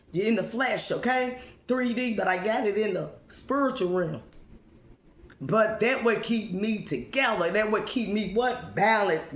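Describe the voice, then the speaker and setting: A woman's voice: mid-range voice, fairly bright tone. A woman speaks as if to her followers, giving informal spiritual encouragement. She is emphatic and repetitive, often checking that she is understood. The room around her rings with echo. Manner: emphatic, repetitive, with rhetorical questions and check-ins. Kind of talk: informal motivational testimony. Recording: echoey room.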